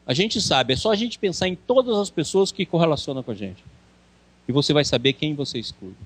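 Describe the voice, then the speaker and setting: A man's voice: on the high side, animated, fairly quick, husky. Emphatic man lecturing, Brazilian accent. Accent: Brazilian Portuguese. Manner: emphatic, rhetorical questions, acts out quoted speech. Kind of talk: spiritual course lecture.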